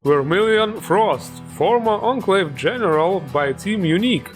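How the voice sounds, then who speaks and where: A man's voice: high voice, expressive, a little slow, faint music behind. A man hosting a game mod showcase, upbeat and joking, with plenty of enthusiasm. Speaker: host.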